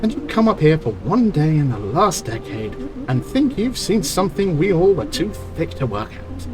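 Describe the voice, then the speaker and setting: A man's voice: fairly high pitch, big pitch swings, normal speed, music in the background. A man reading the lines of a bitter woman defending her late sister in a point-and-click game. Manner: cold, scornful, cutting reading of game dialogue.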